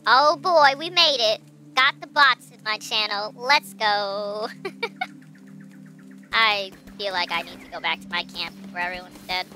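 Streamer's bright female-sounding voice-changer voice. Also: medium pitch, slow, faint music behind. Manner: chatty, thinks aloud and asks chat for input. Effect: voice changer disguising the real voice. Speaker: game streamer. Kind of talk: casual live gameplay commentary.

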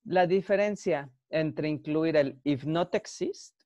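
Man, university lecturer, slow and patient, dry close sound. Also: a little high, a little mellow, dry recording. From Mexico. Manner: patient, explanatory, often checks understanding with "ok?". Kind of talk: online class lecture.

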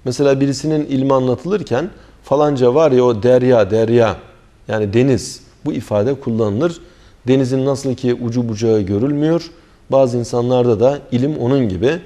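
A middle-aged man giving a religious lecture on scripture, speaking with deliberate care and pausing often as he thinks. His voice is mellow and warm, sitting at an ordinary male pitch. He sounds like a teacher patiently explaining verses to a class. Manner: measured explanatory delivery with frequent hesitations; recites Arabic verses then translates. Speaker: Quran commentary teacher.

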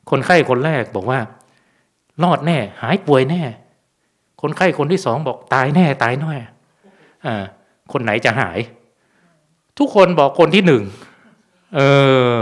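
Chatty monk asking rhetorical questions. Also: male voice, medium pitch. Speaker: Buddhist monk. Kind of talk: casual Dharma talk. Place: temple.

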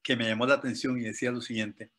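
A man's voice: mid-range voice, fairly even intonation, fast talker, fairly bright tone. A man from Rica, telling a dramatic story as a motivational speaker. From Costa Rica.

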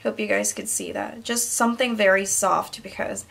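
A chatty young woman talks through a casual hair tutorial on her camera mic at home. Her middle-pitched voice has a gravelly, creaky edge. She keeps calling her viewers "you guys". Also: big pitch swings, moderate pace, fairly bright tone. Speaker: beauty vlogger.

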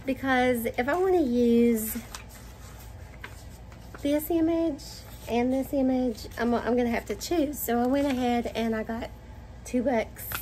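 A middle-aged woman with a Southern US accent, gushing excitedly as she shows off shopping finds to the camera at home. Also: fairly high pitch, unhurried, a little hiss or hum. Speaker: vlogger. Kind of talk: haul video chat. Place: home dining room, indoors.

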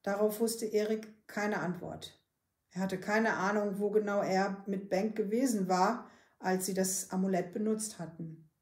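A woman, a librarian, reading a children's book aloud with calm, steady storytelling. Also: mid-range voice, a little slow, echoey room.

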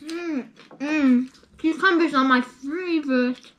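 A woman's voice: sits high, takes it slowly. A woman eating on camera, talking with her mouth full of chicken and murmuring with enjoyment as she savors each bite. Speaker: mukbang co-host. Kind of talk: casual eating commentary.

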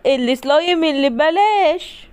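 A woman plays a gentle cartoon mother who speaks tenderly to her child. The voice is high and soft, with an Egyptian accent. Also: lively intonation, normal speed, dry recording. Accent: Egyptian Arabic. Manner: gentle, affectionate. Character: warm, patient cartoon mother.

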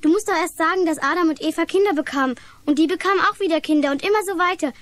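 A woman's voice: extremely high pitch, racing, fairly bright tone, dry recording. A woman voicing a cheeky, know-it-all young girl who interrupts in a pert, sing-song way, in 1980s radio drama acting.

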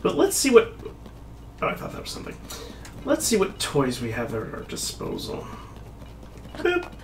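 A man streaming a video game, chatting casually, mocking himself, swearing and breaking into sudden excited outbursts. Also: medium pitch, normal speed, creaky, noisy background. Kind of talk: casual let's-play commentary.

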